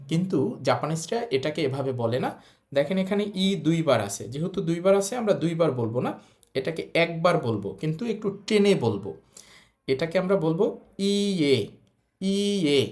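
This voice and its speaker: A man teaching Japanese pronunciation, explaining rules patiently and sounding out vowels slowly. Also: on the high side, darkish tone. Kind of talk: language lesson.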